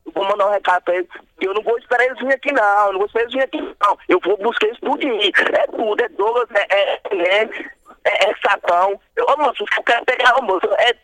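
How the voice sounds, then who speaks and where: A man's voice: sits high, quick pace, fairly bright tone, no room sound, rough recording. A man from Brazil, calling in by phone to a radio show, talking in an agitated, rambling, repetitive way. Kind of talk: phone-in talk. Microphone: phone line.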